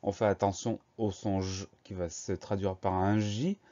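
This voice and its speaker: A man's voice: deep voice, little pitch movement, moderate pace, warm tone, lo-fi sound. A man teaching a spelling lesson, patiently spelling each word out letter by letter.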